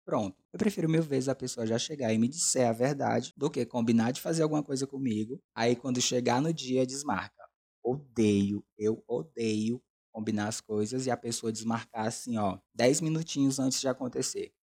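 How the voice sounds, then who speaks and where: A man's voice: medium pitch, creaky, a little mellow, breathy edge. A Brazilian man in his twenties chatting casually as a podcast host, with a campy, self-mocking, slangy manner. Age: 20s. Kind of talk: casual confessional chat.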